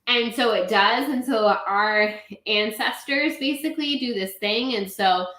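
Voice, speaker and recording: A tipsy woman in a casual movie review chat, rambling and animated, swearing and drawing words out. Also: on the high side. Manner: tipsy, drawn-out, rambling delivery. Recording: roomy echo.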